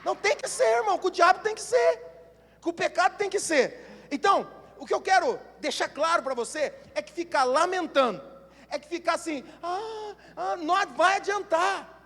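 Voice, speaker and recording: A Brazilian man preaching a sermon as pastor, telling animated stories and building up to shouts. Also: very high-pitched, moderate pace. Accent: Brazilian Portuguese. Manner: animated storytelling, acts out voices, builds to shouting. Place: church hall. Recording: long church hall reverb.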